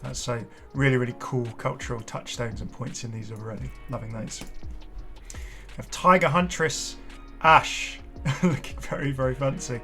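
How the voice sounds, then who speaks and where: This gaming video host has a bright, pushed, medium-pitched voice and talks at a normal speed. He keeps the game showcase casual, chatty and enthusiastic, with plenty of rambling asides over background music.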